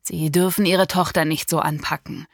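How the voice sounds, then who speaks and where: A woman voicing a calm male family doctor who speaks in a measured, placating way, in an audiobook reading. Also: sits low, gravelly, dry recording, studio quality. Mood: soothing.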